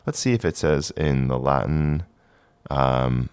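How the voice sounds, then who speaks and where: A man teaching Old English, reading phrases aloud with deliberate pronunciation and explaining them casually. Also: very deep voice, darkish tone, clear, resonant tone. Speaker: teacher translating an Old English history text.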